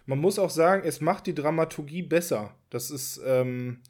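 A man's voice: on the high side, moderate pace, darkish tone. Hesitant man in a casual chat. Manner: hesitant, many fillers.

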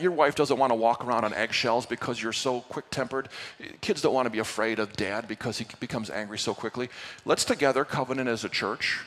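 A man's voice: mid-range voice, a bit bright, in a large hall. A male pastor giving an earnest Sunday sermon to his church, with playful asides. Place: church sanctuary.

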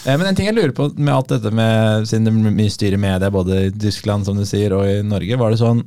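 A man hosting a podcast, reacting to a guest's story and asking a long follow-up question in a relaxed way. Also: on the low side, clean tone. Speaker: podcast host. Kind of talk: casual chat.

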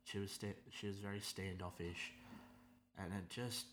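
A man's voice: low voice, fairly even intonation, moderate pace, noisy background. A young Australian man telling a story in a casual rant, exasperated and sarcastic, swearing freely.

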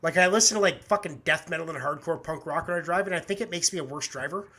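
A man's voice: a little high, quick pace, pushed and bright. A man hosting a live music reaction stream, chatting casually in a rambling, laid-back way and swearing constantly. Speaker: podcast host reacting to music.

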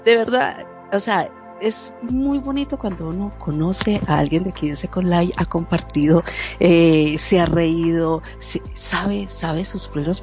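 Expressive woman storyteller, lo-fi audio. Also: on the low side. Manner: expressive storyteller, laughs, mimics dialogue. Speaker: guest sharing a story. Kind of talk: casual chat. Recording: slightly dull lo-fi audio, faint music.

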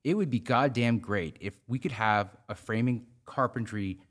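Man, Canadian accent, podcast host, contractor, casual heated rant, lots of swearing, medium pitch. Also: moderate pace. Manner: swears a lot, heated ranting.

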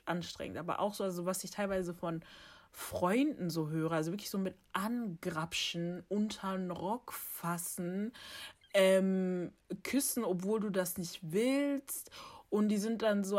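A young woman in a casual conversation, speaking frankly and with indignation, talking things through in long runs. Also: fairly low pitch. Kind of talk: casual chat.

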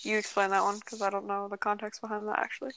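A woman's voice: mid-range voice, little pitch movement, quick pace, crowd noise, poor audio. A teenage girl co-hosting a casual podcast on a headphone mic, rambling and giggling as she talks. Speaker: podcast co-host. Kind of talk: casual chat.

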